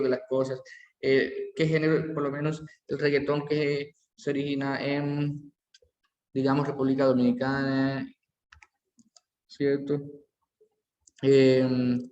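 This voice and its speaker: A man teaching a language lesson, slowly repeating each word form aloud as he explains it. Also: mid-range voice, a little mellow, muffled recording. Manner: slow, careful, repeats word forms aloud. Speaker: French teacher. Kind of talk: bilingual classroom lesson. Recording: echoey hall.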